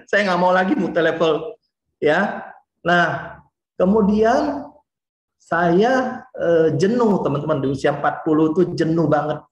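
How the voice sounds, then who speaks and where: A man in his forties from Indonesia gives a chatty motivational talk and keeps speaking straight to his audience. His voice sits a little high for a man. The recording sounds dull and muffled, with plenty of room echo. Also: slow pace. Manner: lively and chatty, often addresses the listeners directly.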